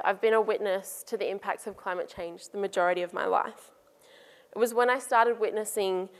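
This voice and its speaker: Young Australian woman, early 20s, campaign speaker addressing a room, earnest and measured, hall reverb. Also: medium pitch, creaky. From north coast of New South Wales, Australia. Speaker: youth climate campaigner and speaker. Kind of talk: public speech to a live audience. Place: large room in front of an audience.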